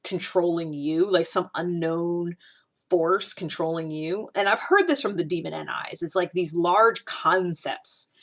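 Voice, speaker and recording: A thirtysomething woman from Ohio hosts a podcast, rambling through a casual personal monologue full of fillers, restarts, and plenty of "like." Her voice is lowish and fairly even in intonation, and she takes her time.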